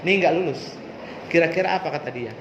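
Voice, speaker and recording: A man's voice: fairly high pitch, a little fast. A man giving a motivational storytelling talk to students, asking rhetorical questions. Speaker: school orientation speaker. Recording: echoey hall, dull sound, faint noise.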